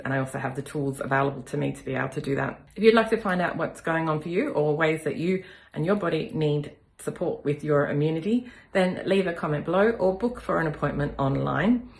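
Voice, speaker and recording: A middle-aged woman with a cold speaks in a low, gravelly voice, calmly explaining each step as she demonstrates on herself. Her voice carries an echo from the room around her. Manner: calm, explanatory, counts slowly. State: has a cold. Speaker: kinesiology practitioner. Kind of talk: demonstration with instruction. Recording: echoey room.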